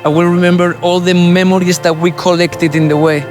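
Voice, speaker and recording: Man, from southwest Spain, rider, reflective, playful, fairly high voice, loud music behind. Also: little pitch movement, fairly quick. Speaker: adventure rider. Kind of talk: documentary interview. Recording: music bed under interview.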